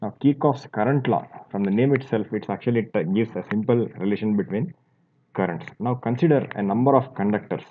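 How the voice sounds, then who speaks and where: Man physics teacher, lowish voice, step-by-step lecture, tinny phone-like sound. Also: brisk, slight background noise. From India. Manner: explains step by step with many fillers and restarts. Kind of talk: classroom lecture while drawing.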